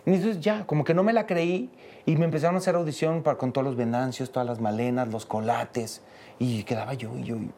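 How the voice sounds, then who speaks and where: A hoarse man with a Mexican accent, chatting as a guest and telling anecdotes, repeating words for emphasis. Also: mid-range voice, fairly even intonation, fairly quick, a little mellow, a little hiss or hum. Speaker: guest actor and singer.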